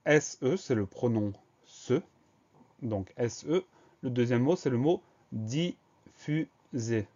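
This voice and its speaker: A man walks through a dictation lesson at a patient, methodical pace, spelling words out letter by letter. His voice sits at an ordinary middle pitch. The recording is a bit dull and lo-fi. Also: dark tone. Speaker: French teacher.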